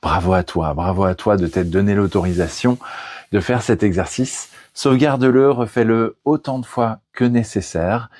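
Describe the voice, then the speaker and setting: A man leading a guided hypnosis session in a soothing, deliberate manner, as a trainer speaking into a close microphone. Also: on the low side, darkish tone, dry recording. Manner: soothing, slow, deliberate guiding delivery.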